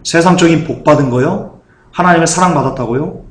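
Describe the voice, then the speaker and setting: A man's voice: fairly high pitch, a little fast. A man preaching a fervent sermon as pastor. He keeps asking the congregation questions. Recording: echoey hall.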